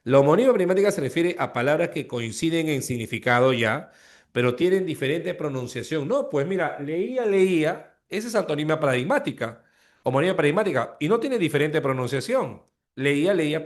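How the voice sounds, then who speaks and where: A man's voice: a little high, lively intonation, fairly quick. A male language teacher explaining exercises in an online class, going step by step and often checking that students follow. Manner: explains step by step, checks understanding with repeated questions.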